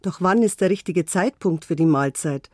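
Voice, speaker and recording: A woman narrating a scripted radio report in an even, formal manner. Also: lowish voice, normal speed, dry recording, clean studio sound.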